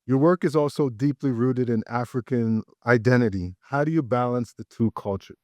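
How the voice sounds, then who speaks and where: A man's voice: medium pitch, moderate pace, darkish tone, no echo. A man hosting an interview podcast, asking loose, upbeat questions with fillers, recorded in an art gallery. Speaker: podcast host. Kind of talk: casual interview.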